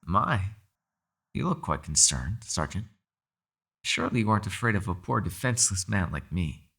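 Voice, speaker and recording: In an ASMR roleplay, a man voices a captive fox spirit with a low, crisply bright tone. Sly and mock-polite, he taunts with theatrical, widely swooping intonation and a quiet menace, sounding amused and teasing. His delivery is animated and exaggerated at a normal speed.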